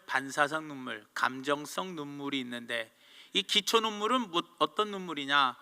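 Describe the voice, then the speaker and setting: Korean pastor guy preaching, really high bright voice, echoey hall, asks questions then yells for emphasis. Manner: rhetorical questions, rising to emphatic shouting. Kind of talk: sermon. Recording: hall reverb.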